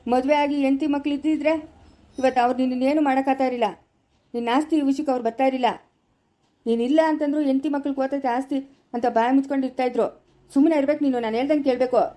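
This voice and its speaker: A woman's voice: fairly high pitch, fairly even intonation, fast, mellow, lightly acted. A woman with a Chikkaballapura-area Kannada accent voicing a stern older village man who comforts and commands, vowing revenge, in a family village drama. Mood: scolding. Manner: commanding, reassuring, threatening.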